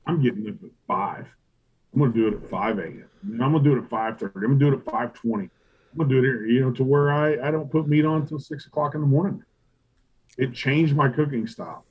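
A middle-aged man, a barbecue pitmaster telling stories in a casual interview, animated and profane, acting out what he and others said. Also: medium pitch, slightly rough, muffled recording. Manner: animated, profane, quotes himself and others in acted asides. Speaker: competition barbecue pitmaster and restaurant owner.

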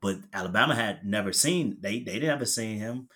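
Low-voiced man in relaxed sports chat. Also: moderate pace. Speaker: sports talk co-host.

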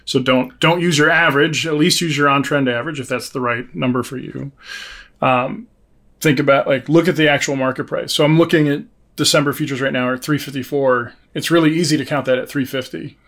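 Co-hosting a podcast, a man talks casually in a mid-range, fairly bright voice at a fairly quick pace with fairly even intonation. He's informal and thinks out loud, with false starts and self-quotes.

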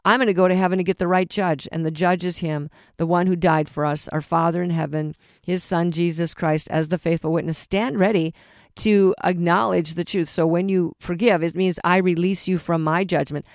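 A man's voice: fairly high pitch, steady tone, normal speed, dry recording, studio quality. A man preaching earnestly, urging listeners to forgive. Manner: earnest exhorting delivery. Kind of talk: preaching talk.

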